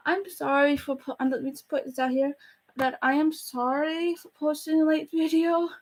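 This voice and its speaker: High-voiced chatty woman rambling fast. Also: fairly even intonation, low-quality recording. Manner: chatty, rushed, self-deprecating, rambling. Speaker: YouTuber reviewing a movie. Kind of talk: casual rambling review. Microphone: camera facing her.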